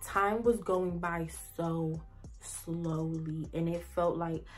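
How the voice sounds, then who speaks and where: A woman's voice: fairly low pitch, steady tone, takes it slowly, faint music behind. Chatty young woman telling a story. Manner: chatty, rambling, heavy "like" fillers, addresses viewers as y'all. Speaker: vlogger. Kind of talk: casual storytime.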